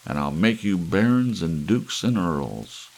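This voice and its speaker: Audiobook rebel emperor, played by a male reader: bellowing, grandiose, gravelly, big swoops in pitch, rain behind. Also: lively intonation, measured pace, darkish tone, heavily acted. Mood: commanding. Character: Harrison, booming young rebel man proclaiming himself emperor. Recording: faint hiss with rain sound.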